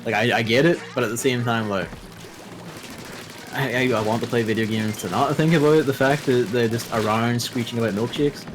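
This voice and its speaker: A man's voice: medium pitch, steady tone, fairly quick. A man co-hosting a casual gaming chat, rambling and sarcastic, swearing often as he plays. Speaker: co-host. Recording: game music playing behind.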